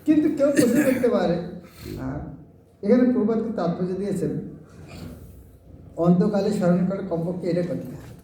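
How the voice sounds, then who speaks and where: A man leading a devotional scripture class, questioning his listeners and answering himself, chanting verses slowly. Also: high voice, animated, warm tone. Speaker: Gita class teacher. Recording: echoey hall, far from the mic, crowd noise.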